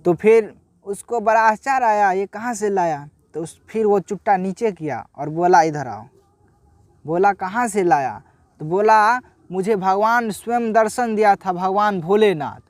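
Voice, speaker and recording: A man with a high-pitched voice narrates a devotional folk story at a slow, halting pace. He voices the characters' quoted lines as he goes. The sound is dry and close. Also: no echo. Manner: unhurried, halting retelling with restarts and acted quotes. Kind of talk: casual spoken religious story.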